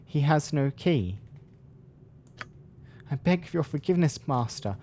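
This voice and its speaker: A man's voice: on the high side, animated, a little slow, warm tone. A man voicing an obedient, anxious servant in a fantasy game, speaking deferentially to a master.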